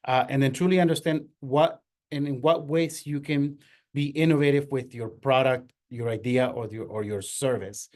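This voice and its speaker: A man's voice: mid-range voice, steady tone, normal speed, darkish tone. Middle-aged man from Ecuador, earnest workshop presenter, hesitant with fillers, mid-range voice. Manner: earnest, many fillers and restarts. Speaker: workshop presenter, marketing agency owner. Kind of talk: workshop lecture.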